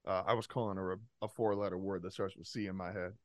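A man on a podcast telling a story in casual chat, profane and animated, often laughing. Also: sits low, fast, no room sound, clean studio sound. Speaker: podcast co-host.

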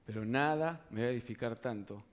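A man with a Rioplatense Spanish accent and a mid-range voice preaches a sermon a little fast. His style is conversational, and he often puts rhetorical questions to the congregation.

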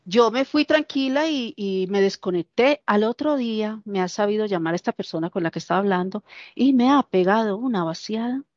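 A woman tells a personal story in a casual, animated way, slipping into the voices of the people she quotes. Her voice sits at a middle pitch for a woman. The recording is dull and lo-fi, with a dry, close sound. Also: moderate pace, no echo. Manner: animated, acts out quoted dialogue. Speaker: interviewee.

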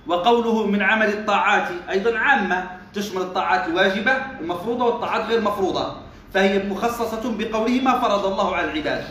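A man's voice: sits high, fairly bright tone, a little hiss or hum. A male religious teacher giving commentary on a classical text, explaining step by step, quizzing his students, and slipping dialect asides into formal speech. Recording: very echoey room.

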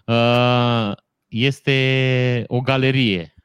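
A man's voice: mid-range voice, steady tone, clean tone, no echo. Joking, explaining man. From Romania. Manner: long technical explanations with dry jokes. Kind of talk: casual chat.

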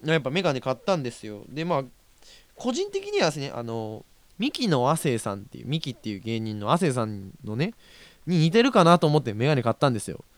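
A man's voice: medium pitch, big pitch swings, fast talker, no echo. A young man hosting a casual solo talk show, chatty and rambling, often correcting himself and laughing. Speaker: podcast host.

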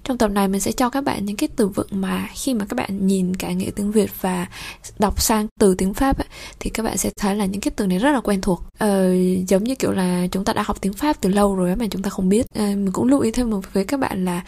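A woman's voice: mid-range voice, brisk, gravelly, mellow. A woman with a Vietnamese accent hosting a podcast lesson, switching between French and Vietnamese and explaining patiently with frequent hesitation fillers.

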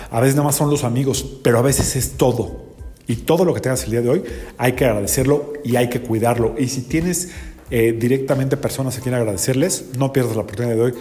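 A man talks calmly and unhurried, stretching out his key words. His mellow, warm voice rings through a heavy, cathedral-like echo with a long reverb tail. A faint bed of music sits under him. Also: medium pitch. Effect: heavy hall echo, like a cathedral. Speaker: psychotherapist and numerologist host. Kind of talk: daily numerology podcast monologue. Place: large echoing room.

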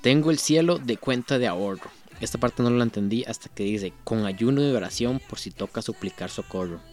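A Costa Rican reaction video host with a mid-range, darkish voice and a Costa Rican Spanish accent reads song lyrics aloud a little fast. He comments on them casually and earnestly, thinking aloud and restarting often. Faint music plays behind him.

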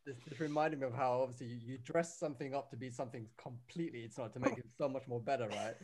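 A man's voice: mid-range voice, fairly even intonation, quick pace, a little mellow. A man, co-hosting a casual podcast and rambling chattily with lots of fillers. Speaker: podcast co-host. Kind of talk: casual chat.

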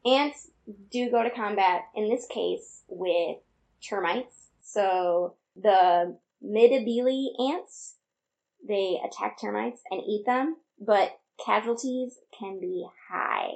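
A woman's voice: medium pitch, slow, creaky, darkish tone. A young woman co-hosting a casual podcast, earnestly explaining animal facts with small laughs. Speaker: podcast co-host.

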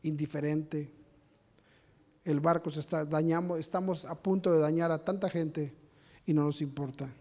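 A man preaching a sermon as a pastor, telling stories, acting out what people said and building to loud peaks. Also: fairly high pitch, steady tone, moderate pace. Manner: storytelling, acts out quotes, rises to shouting peaks.

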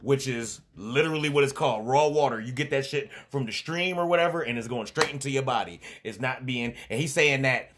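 A man co-hosting a casual podcast chat, telling stories in relaxed, profane slang. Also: mid-range voice, brisk, hardly any pauses, slight background noise. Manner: laid-back storytelling, profane slang. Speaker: podcast co-host.

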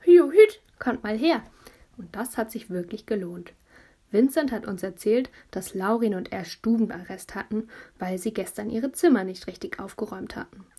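A woman narrating a children's audiobook in a lively storytelling voice, telling it as a child would. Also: medium pitch, moderate pace, breathy edge.

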